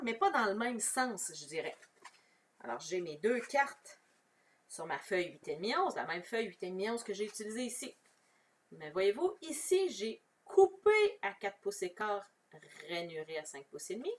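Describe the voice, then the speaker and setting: Chatty Québécoise craft demonstrator, lively. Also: female voice, mid-range voice, normal speed. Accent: Québécois French. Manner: chatty, explains step by step, answers viewers. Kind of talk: casual live craft tutorial. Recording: voice somewhat far from the mic.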